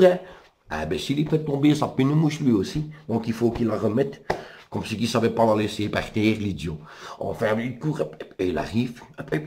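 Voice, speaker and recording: Brief: male storyteller, Brussels accent, lively up-and-down delivery, gravelly, rambling comic retelling. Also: medium pitch, slight background noise. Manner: chatty, peppered with hein, digressive. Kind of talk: comic folk-tale retelling.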